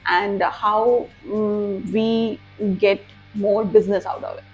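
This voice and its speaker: A woman's voice: mid-range voice, fairly even intonation, takes it slowly, a little mellow, highs cut off. Woman, podcast host, eager, appreciative, faint music behind. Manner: eager and appreciative, laughs often. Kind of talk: interview hosting.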